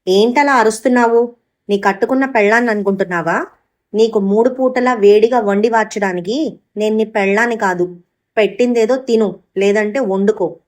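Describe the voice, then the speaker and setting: A woman's voice: medium pitch, moderate pace, lightly acted. A woman reading the part of a scornful young mistress with cutting retorts.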